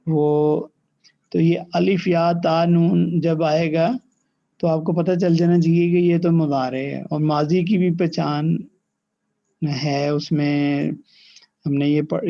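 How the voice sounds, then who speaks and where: A man teaching an online grammar lesson. He recites verb forms slowly and mixes English terms into his explanations. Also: a little high, vocal fry, mellow, highs cut off. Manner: slow, drawn-out recitation of verb forms between quick explanations; mixes in English terms and checks in with "theek hai".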